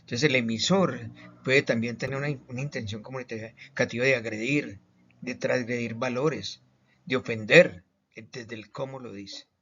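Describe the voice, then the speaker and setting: A man's voice: medium pitch, fairly even intonation, moderate pace, fairly bright tone, slight background noise. A man from Colombia teaching a recorded online lesson, stressing each point with questions and repeated words. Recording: slightly muffled lo-fi audio.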